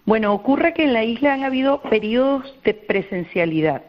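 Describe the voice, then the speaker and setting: A Venezuelan woman, a volunteer psychologist, answers earnestly as a guest in a radio interview, repeating phrases for emphasis as she explains things. She has a Venezuelan accent and a fairly high, animated voice at a moderate pace. The radio call sounds dull and band-limited.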